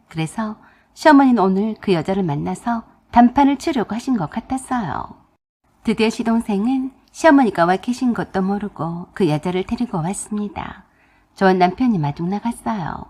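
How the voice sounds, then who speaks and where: Woman reading a radio-drama story, husky voice, steady confiding tone. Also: medium pitch. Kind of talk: scripted first-person narration of a radio drama.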